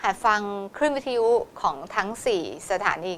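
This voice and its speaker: A woman teaching a test-prep lesson, explaining in Thai and reading English exam lines slowly. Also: medium pitch, lively intonation, a bit bright.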